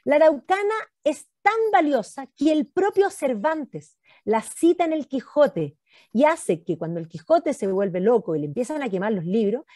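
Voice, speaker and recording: A Chilean woman historian giving an animated talk, emphatic and insistent, repeating words for effect. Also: high voice, no room sound, clean studio sound.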